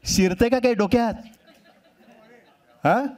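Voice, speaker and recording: A man's voice: extremely high pitch, measured pace, a little mellow, pitched above the performer's own voice. A man voicing a nagging mother mouse who scolds her son in an exasperated way. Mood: scolding.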